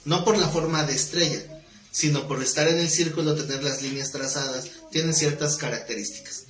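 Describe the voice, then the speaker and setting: A man's voice: on the high side, fairly even intonation, fairly quick, a bit bright. A man teaching an exegetical Bible study class, explaining passages, reading scripture aloud and putting questions to the class. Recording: roomy echo with faint noise.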